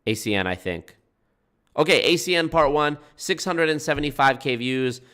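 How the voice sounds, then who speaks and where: This anti-MLM YouTuber talks casually to his livestream chat at a normal speed, his voice on the higher side, fairly bright and clean, with lively intonation. He still sounds nasal and congested, and he rambles, self-corrects and keeps starting his sentences over.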